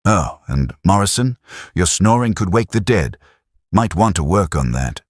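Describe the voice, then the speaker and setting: A man reading as a cheeky young British private, breezy and teasing. The voice sits very deep but swings up and down a lot, with a husky edge and a dry, close sound. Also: sing-song, unhurried, dry recording, full character voice. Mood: friendly.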